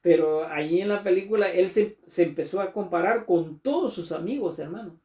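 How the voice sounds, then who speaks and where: A man's voice: high-pitched, normal speed, dark tone. A man from preaching a sermon as pastor, earnest and emphatic, often calling listeners brother. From Latin America. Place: church. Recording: echoey church room from far off.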